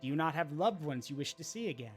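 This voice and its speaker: Calm menacing evil AI, read by a player. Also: medium pitch, quick pace, soft background music, natural voice. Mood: cold. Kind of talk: reading game dialogue aloud.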